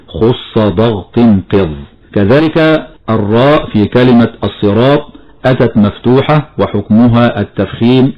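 A man teaching the rules of Quran recitation, explaining steadily and chanting slow example verses. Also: fairly low pitch, dull audio. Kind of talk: tajweed lesson with recited examples.

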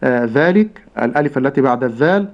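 A man teaches Quran recitation with a patient, methodical delivery. He holds and stretches each sound as he demonstrates it. His voice sits at an average pitch, and the recording is dull and lo-fi, like an old broadcast. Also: expressive. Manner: patient, drawn-out model pronunciations. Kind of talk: step-by-step tajweed instruction.

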